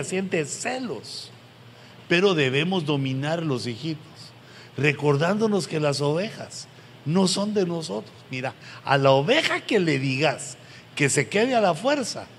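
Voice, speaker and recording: Earnest preacher, echoing hall. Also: male voice, on the high side. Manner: earnest, pleading, with sudden loud emphatic rises. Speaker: pastor. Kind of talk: sermon to pastors. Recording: long hall reverb, faint background noise.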